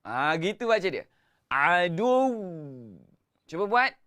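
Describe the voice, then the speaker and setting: During a live tajwid stream, a Malaysian teacher coaches Quran recitation in a high, expressive voice at normal speed. His tone is fairly bright, clear and resonant as he repeats instructions, counts in, and chants verses melodically.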